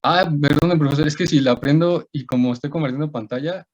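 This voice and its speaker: A man's voice: on the high side, a little fast, low-quality recording. A young man, a student answering his teacher politely and a little hesitantly in an online class. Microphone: video call.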